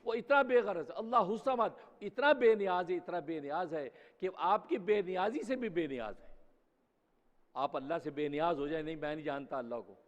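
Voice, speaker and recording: A man's voice: sits high, animated. A man preaching a Friday sermon in a mosque, speaking emphatically and posing rhetorical questions. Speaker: preacher, mufti. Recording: dull sound with long hall reverb.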